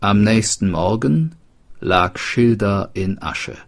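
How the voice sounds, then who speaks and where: Slow, low-voiced male storyteller. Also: vocal fry. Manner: slow, expressive read-aloud narration. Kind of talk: storybook reading aloud.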